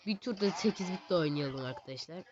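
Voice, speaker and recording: A male gaming host giving casual, excitable commentary while he plays, teasing the game characters and chanting words over and over. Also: fairly high pitch, a little fast. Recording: slightly dull lo-fi recording.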